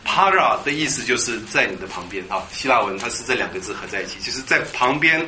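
A man preaching a lively Bible teaching sermon, quizzing his congregation and drilling them on Greek words. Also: mid-range voice, fast. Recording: echoey hall with background noise.

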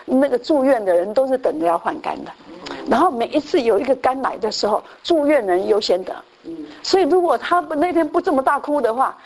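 Higher-pitched woman telling a sermon story. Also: a little mellow. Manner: storytelling with repetitions and restarts; acts out quoted voices, mixing in English phrases. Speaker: preacher. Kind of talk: sermon testimony.

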